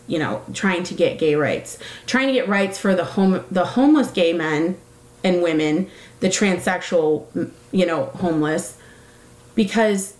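A woman's voice: on the low side, roomy sound, rough recording. A woman talking casually, rambling with many fillers and correcting herself as she goes. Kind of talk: casual chat.

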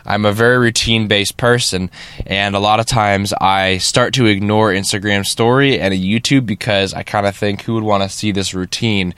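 Speaking at a moderate pace with fairly even intonation, a man with a fairly low, slightly bright voice hosts a casual, rambling solo podcast. He's stuffy and nasal from a cold and keeps adding "right?" to his sentences. His studio podcast microphone gives a clean tone with no room sound.

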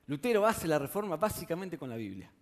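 A preacher with a Rioplatense Spanish accent and a fairly high voice for a man. He delivers his sermon in a relaxed, conversational way and keeps checking in with the congregation through rhetorical questions. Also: quick pace.

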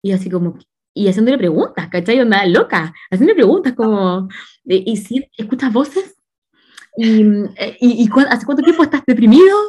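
A woman's voice: a little high, very animated, moderate pace, darkish tone, breathy edge. A woman with a Chilean accent chatting casually, telling stories in a slangy, laughing way. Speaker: podcast co-host. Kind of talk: casual chat.

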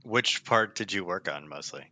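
A man hosting a casual podcast interview and asking questions in a relaxed, chatty way. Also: deep voice, moderate pace. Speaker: podcast host.

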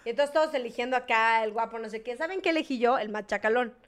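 A woman's voice: on the high side, quick pace, smooth. A young adult woman with a Mexican accent, telling a story in a casual chat, slangy and laughing, acting out what others said. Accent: Mexican Spanish. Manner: laughing, slangy, acts out quoted voices.

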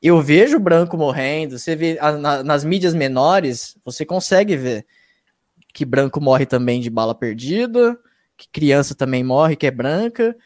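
In an unhurried, slightly high voice with a darkish tone and lively intonation, a man who hosts a YouTube reaction channel shares his story as an interview guest. Casual and emphatic, he uses slang, swears freely, and often asks listeners "tá ligado?"; the studio-quality audio has no room sound.

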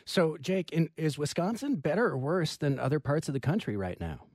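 A man speaking as a public radio host, presenting and interviewing in a polished, deliberately phrased delivery. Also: a little high, animated, darkish tone.

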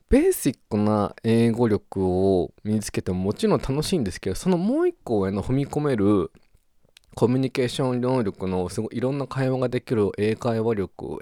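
Young japanese guy doing his podcast, lively up-and-down voice, warm low tone, dry close sound. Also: no room sound. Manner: playful, animated, with goofy sound words and wordplay. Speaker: podcast host. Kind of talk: casual solo podcast talk.

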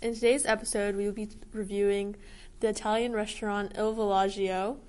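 A teenage girl co-hosting a casual review podcast, easygoing and quick to laugh. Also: medium pitch, little pitch movement, a little mellow. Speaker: co-host. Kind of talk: casual chat.

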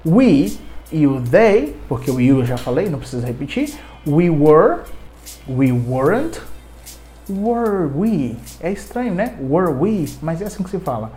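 An English teacher with a Brazilian Portuguese accent giving a podcast lesson, drilling verb forms in a deliberate way, repeating words and spelling them out. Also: medium pitch, big pitch swings, dark tone, soft background music.

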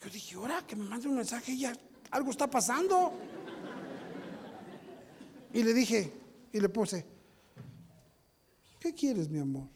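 A man preaching a sermon as a pastor, telling stories, acting out what people said and building to loud peaks. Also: very high voice, animated, measured pace, long pauses, slight background noise. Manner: storytelling, acts out quotes, rises to shouting peaks.

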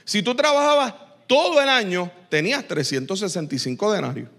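A man preaching a lively, joking sermon in church, teasing his congregation with quick asides. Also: sits high. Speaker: pastor.

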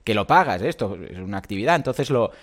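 A man hosting a live podcast chat, with a very lively pitch that swoops up and down. He talks in an animated way and breaks into loud, playful outbursts. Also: quick pace. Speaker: podcast host.

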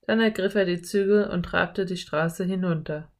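A woman reading a children's story as narrator in an even storytelling manner. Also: lowish voice, normal speed. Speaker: audiobook narrator. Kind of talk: scripted narration.

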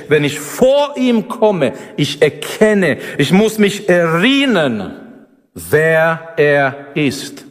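Man, preacher, sermon, slow and deliberate, emphatic and repetitive, long reverb of a church hall. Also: high-pitched.

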